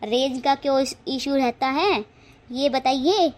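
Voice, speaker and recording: A high-voiced younger daughter-in-law in a cartoon family drama. She speaks boldly and stands her ground. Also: measured pace. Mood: defiant. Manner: bold and defiant, later apologetic.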